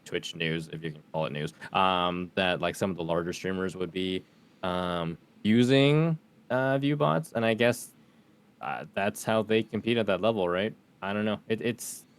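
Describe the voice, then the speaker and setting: A man guesting on a podcast, chatting in a laid-back way, laughing often and stammering on restarts. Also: lowish voice. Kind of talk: casual chat.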